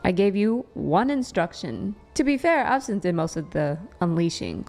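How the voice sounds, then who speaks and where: A woman's voice: on the low side, sing-song, normal speed, darkish tone. A woman voicing Balder, a stern, exasperated team leader. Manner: stern, chiding.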